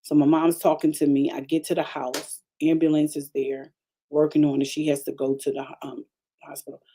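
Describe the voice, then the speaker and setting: An older woman pastor preaching a storytelling sermon, animated and emphatic, talking straight to her listeners. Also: low-pitched, moderate pace, slight background noise.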